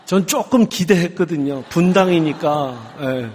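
A male pastor preaching a sermon, lively and teasing, drawing answers from the congregation. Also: a little high, a little slow, slight background noise. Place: church sanctuary. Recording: long hall reverb.

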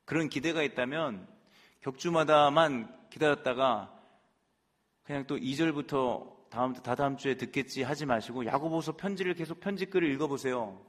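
Korean pastor preaching in a reverberant hall. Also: male voice, mid-range voice, moderate pace. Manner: earnest, addresses the congregation directly. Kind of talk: sermon. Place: church sanctuary. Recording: long reverb in a large hall, with faint music.

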